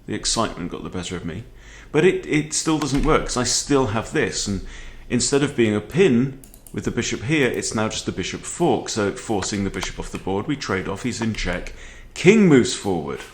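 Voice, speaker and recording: Low-pitched man commentating on chess. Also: expressive, normal speed, few pauses, slight background noise. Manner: conversational, checks in with the viewer with short questions. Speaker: chess video host. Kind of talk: casual chess game commentary. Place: book-lined room at home, indoors.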